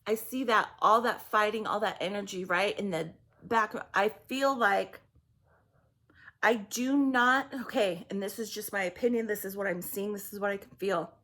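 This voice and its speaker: A woman giving a casual psychic reading, halting and repetitive with many fillers and restarts, sometimes sinking to a near-whisper. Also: mid-range voice, fairly bright tone. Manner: swearing, acts out heated quotes. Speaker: psychic reader.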